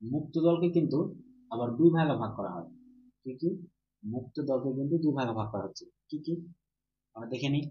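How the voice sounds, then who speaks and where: A man's voice: mid-range voice, lively intonation, a little fast, pauses often. A male teacher giving a grammar lesson to students. He asks questions, answers them himself, and repeats each key term. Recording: roomy, dull, with faint hum.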